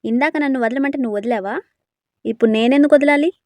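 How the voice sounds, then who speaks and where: A woman reading a bold, teasing young woman who fires back quick playful retorts in a storybook tale. The voice sits a little high and sounds close and dry. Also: a little mellow, dry recording, lightly acted.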